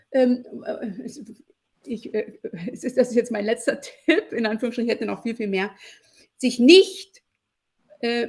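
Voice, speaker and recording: A woman's voice: a little high, creaky, darkish tone. A woman in her forties, a guest on a podcast, talking reflectively over a video call with lots of fillers. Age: 40s. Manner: reflective, many fillers, frequent "ne?". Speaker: podcast guest, lawyer and networking expert. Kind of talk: casual conversational interview. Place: home room with shelves.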